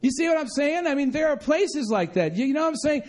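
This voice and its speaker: A man preaching a sermon to a church congregation, telling stories in an animated, chatty way full of quick asides and self-corrections. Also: extremely high pitch. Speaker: pastor. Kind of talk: sermon with storytelling.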